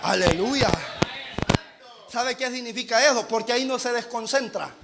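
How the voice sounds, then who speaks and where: A male pastor preaching a sermon to his church, acting out everyday scenes and building to shouted peaks. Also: extremely high pitch.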